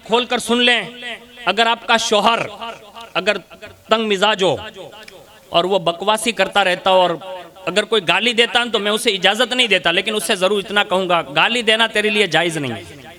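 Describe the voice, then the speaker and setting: A man's voice: sits high, pushed and bright. A man with a Gujarati accent preaching a sermon at a religious gathering, telling stories with acted dialogue and calling out to listeners by name. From India. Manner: storytelling with acted dialogue, addresses audience by name.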